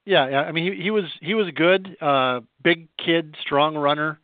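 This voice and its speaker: A man's voice: fairly high pitch, no echo. A man in his fifties, a sports writer, talking plainly and unhurriedly as a guest heard over a phone line. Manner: plainspoken, unhurried, thinks aloud. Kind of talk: casual phone interview. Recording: tinny dry phone line.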